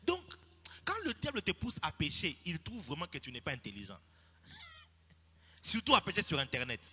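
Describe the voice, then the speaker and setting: Husky, bright-voiced preacher in a hall. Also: male voice, fairly high pitch, wildly swooping pitch, normal speed. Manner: swings from hushed storytelling to loud emphatic preaching. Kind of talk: sermon teaching.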